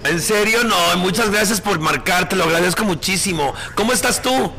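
A man's voice: sits high, normal speed, gravelly, bright, forceful tone. A man hosting a live call-in show as a drag performer, campy, affectionate and swearing freely.

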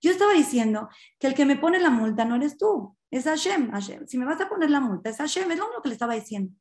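A woman's voice: high voice, sing-song, fast, roomy sound. Woman doing a serene devout older man. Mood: patient. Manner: patient, serene.

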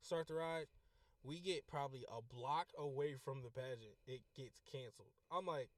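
A man's voice: medium pitch, normal speed, dry recording. Laughing St. man, a bit far off. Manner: laughs often, profane storytelling. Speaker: rideshare driver. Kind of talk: casual chat.

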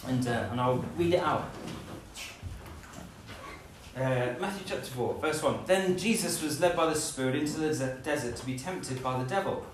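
A man preaching a lively sermon, acting out scenes with playful voices. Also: medium pitch, normal speed, slight background noise. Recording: echoey room, from a distance.

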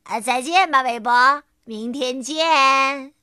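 A woman's voice: high-pitched, slow, clean tone, dry recording, studio quality, full character voice. A woman voicing a sensible, teasing elephant who leads the others in a storybook reading. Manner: bright, scolding and teasing.

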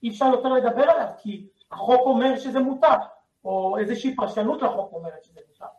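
A man's voice: very high voice, darkish tone. A man speaking as a journalist on a panel discussion, hesitant and full of fillers. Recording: roomy, distant from the mic.

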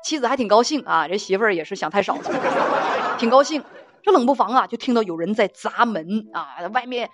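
A woman's voice: on the high side, expressive, a little fast. A woman hosting a relationship advice show, telling a listener's story with scorn and indignation and laughing along the way. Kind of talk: storytelling commentary. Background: faint music.

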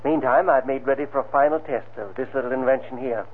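A kindly, eccentric scientist in a vintage radio serial, played by a male actor. He talks haltingly in a mid-range voice, wrapped up in his inventions. The sound is narrow and slightly noisy. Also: mid-range voice, fairly even intonation, close to an everyday voice. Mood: busy, friendly. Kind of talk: 1930s-style radio serial acting.

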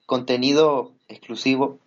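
A man's voice: mid-range voice, steady tone, measured pace. Hesitant man on a dull recording. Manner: hesitant, many fillers. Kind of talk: casual chat.

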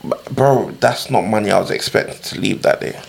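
A young man with a London roadman accent and a gravelly voice, chatting casually in street slang as a podcast co-host. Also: fairly low pitch, a little fast. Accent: London, urban street (roadman).

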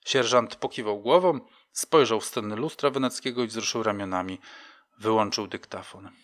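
A man reading fiction aloud as an audiobook narrator in an even, measured way. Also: lowish voice.

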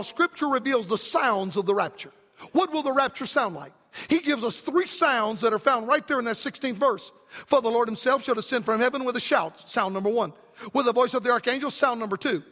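Man, revival sermon, bright forceful tone, rhythmic shouting cadence. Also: very high voice, big-room sound. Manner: emphatic Southern preaching cadence, rising to shouts. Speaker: preacher.

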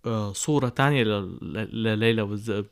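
Fast-talking young man with Syrian accent. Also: on the low side, clear, resonant tone. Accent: Syrian Arabic. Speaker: podcast co-host. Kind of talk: casual chat.

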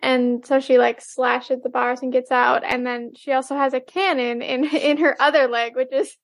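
A woman's voice: high voice, level tone, moderate pace, creaky, dry recording. A woman co-hosting a podcast, recapping an episode casually and hesitantly, with many fillers. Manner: hesitant, full of "um" and "like". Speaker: podcast co-host.

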